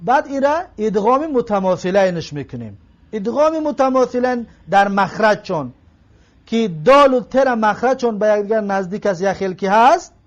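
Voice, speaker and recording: A man teaching an Arabic grammar lesson, repeating each phrase and translating it word by word. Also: high-pitched. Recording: slightly dull lo-fi recording.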